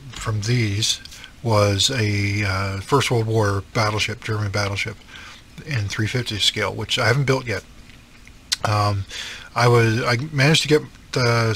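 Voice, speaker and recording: A man's voice: lowish voice, a bit bright, slight background noise. A middle-aged man with an East Coast Canadian accent, chatting casually and rambling about his hobby with many ums and self-deprecating asides. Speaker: scale modelling channel host. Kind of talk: casual chat.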